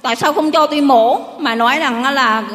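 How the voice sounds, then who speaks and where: A woman's voice: high-pitched, moderate pace, a bit bright. A middle-aged woman gives a rambling, heartfelt church testimony. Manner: rambling, heartfelt storytelling with many restarts. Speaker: parishioner giving testimony. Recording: long hall reverb.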